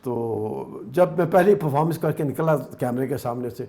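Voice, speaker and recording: A man's voice: mid-range voice, lively intonation, mellow. A man in his sixties with a Pakistani Urdu accent, an actor telling his life story as an interview guest.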